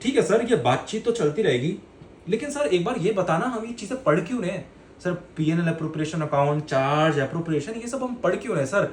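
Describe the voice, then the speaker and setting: A man's voice: high-pitched, lively intonation, a little fast, slight background noise. A man playing a whiny curious teenage student. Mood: pleading. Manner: pleading, questioning, addresses teacher as sir. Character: curious, complaining teenage student questioning the teacher. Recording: echoey room.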